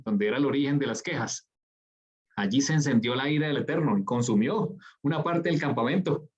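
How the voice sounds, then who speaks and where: A man leading a Bible study, teaching in an earnest, preacher-like way with frequent hesitations. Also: mid-range voice. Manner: earnest, preacher-like, with many "eh" fillers.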